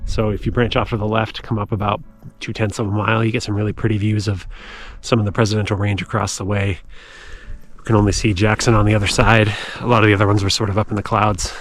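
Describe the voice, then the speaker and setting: A man giving casual, halting trail narration as a hiking vlogger, outdoors on a snowy mountain. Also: fairly low pitch, flat delivery, faint music behind. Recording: clearly noisy outdoor recording with clicks.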